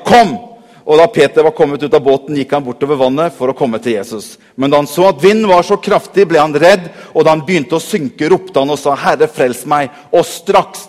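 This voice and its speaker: A man preaching a sermon, reading scripture with humor and swinging between loud emphasis and quiet asides, in a church. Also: on the high side, long reverb tail. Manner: lively, joking, swings between loud and soft. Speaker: pastor.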